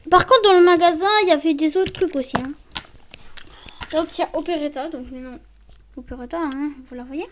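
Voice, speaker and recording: A woman casually showing and describing a toy as she handles it, often ending phrases with a quick tag. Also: high-pitched, muffled recording, slight background noise. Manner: talks while handling items, often ends phrases with a tag "hein". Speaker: toy reviewer. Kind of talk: casual unboxing and show-and-tell.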